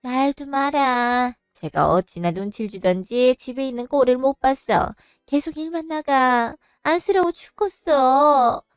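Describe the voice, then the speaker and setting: A scornful, nagging mother-in-law, as a woman narrator puts her on in a storybook drama. She scolds in drawn-out, smooth-voiced tones. The sound is dry and close, with faint music beneath. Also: high-pitched, dry recording. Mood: complaining. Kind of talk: storybook voice acting.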